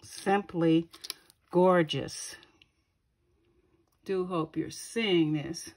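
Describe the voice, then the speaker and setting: Female craft vlogger, low-pitched and unhurried, admiring gifts in a casual show-and-tell. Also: a little mellow. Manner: slow, gushing, pausing often to find words. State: keeps clearing her throat. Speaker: craft channel host.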